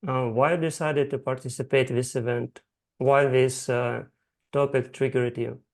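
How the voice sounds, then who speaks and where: A man hosting an online meeting over a video call, talking haltingly with many filler sounds. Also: medium pitch, fairly even intonation. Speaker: host and founder of the club.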